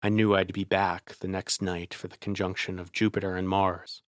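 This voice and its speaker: A man's voice: sits low, level tone, moderate pace, no echo, studio quality. A man narrating a first-person horror story in a tense, scripted way.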